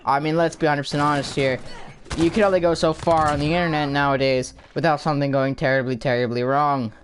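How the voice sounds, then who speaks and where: A man's voice: on the high side, steady tone, fast, slight background noise. A man talking casually to his viewers in a rambling, sarcastic vlog, swearing often and stumbling over his words. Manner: many fillers and restarts. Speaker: YouTuber.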